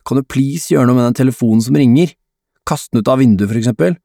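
A man's voice: medium pitch, creaky, warm tone, no room sound, studio quality, voice pushed up, close to an everyday voice. A man doing a snappy teenage gamer. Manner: snappy, sarcastic. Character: grumpy teenage boy gamer.

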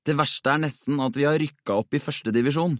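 A man's voice: a little high, fairly bright tone, dry recording, studio quality, voice pushed up, natural voice. Man doing a gloomy boy teammate.

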